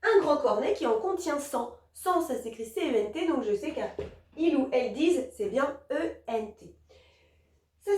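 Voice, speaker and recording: A woman teaches young children a grammar lesson, patient and encouraging as she spells words out letter by letter. Her high voice swings up and down in a lively sing-song. It rings in a roomy space, picked up from a little way off the mic. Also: distant mic.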